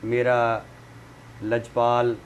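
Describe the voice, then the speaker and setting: Speaking with a Pakistani accent, a man serves as a literary commentator and guest expert on a talk show, explaining language and literature didactically with examples. His medium-pitched voice is completely flat and extremely slow. The audio has its highs cut off, with crowd noise and clear background noise.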